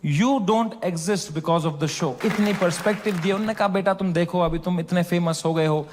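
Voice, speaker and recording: A man's voice: high voice, moderate pace, big-room sound, background noise. A young man doing stand-up, mixing Hindi and English and acting out family voices as he tells a story. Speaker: stand-up comedian.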